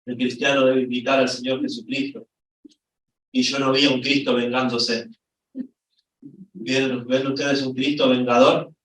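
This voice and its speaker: Argentine pastor preaching in an echoey church. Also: male voice, mid-range voice, measured pace, pauses often, distant mic, a little hiss or hum. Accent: Argentine Spanish. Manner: storytelling, lively, voice rising when excited. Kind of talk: sermon. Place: church hall.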